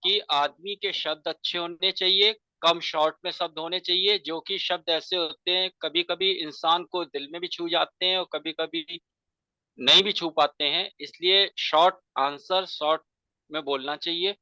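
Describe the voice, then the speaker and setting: A man reviewing a training session, speaking haltingly with fillers and simple English phrases. His voice is bright and sharp, fairly high, and sounds close and dry with no room echo. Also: steady tone, muffled recording. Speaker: course participant giving a review. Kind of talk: spoken feedback on a session.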